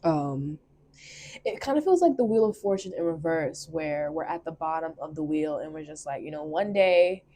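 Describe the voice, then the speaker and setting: Chatty low-voiced woman reader. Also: moderate pace, slight background noise. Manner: chatty, laughs often, expressive. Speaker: tarot reader. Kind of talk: casual chat.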